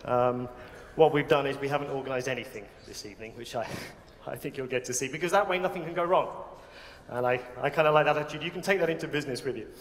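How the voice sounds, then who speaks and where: With a medium-pitched voice and a fast delivery, a man from England emcees an awards gala through chatty, self-deprecating comedy. A long reverb fills the recording, made in a big banquet hall before an audience.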